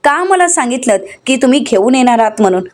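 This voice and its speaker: A woman's voice: high voice, lively intonation, quick pace, darkish tone. Kalpana, a woman reading a grieving mother. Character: grieving devoted middle-aged mother.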